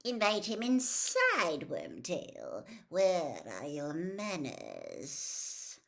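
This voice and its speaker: A cold, imperious dark lord from a storybook, voiced by a woman reader. He speaks very slowly, stretching out his commands with sinister control. The pitch swings dramatically from low to high. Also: wildly swooping pitch, creaky, heavily acted. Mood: mocking, commanding. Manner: slow, drawn-out, commanding delivery.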